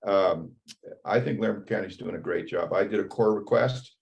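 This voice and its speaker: A man in his seventies giving an earnest, halting public comment over a video call. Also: deep voice, gravelly, a little mellow, muffled recording. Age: 70s. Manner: halting, earnest, pressing to keep talking.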